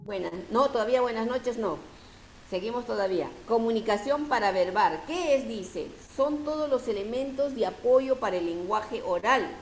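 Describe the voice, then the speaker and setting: A woman's voice: fairly high pitch, normal speed. A middle-aged woman teacher lecturing her class, explaining patiently and raising her voice to stress key points. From Peru. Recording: echoey room, faint background noise.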